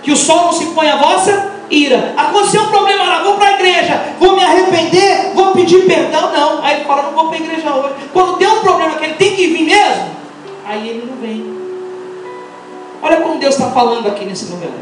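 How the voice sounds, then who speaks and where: A middle-aged woman with a Brazilian accent preaching an impassioned Pentecostal sermon, firing rhetorical questions and breaking into shouts. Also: very high voice, lively intonation, fast talker, a little hiss or hum. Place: large church hall. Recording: echoey church hall, mic far off.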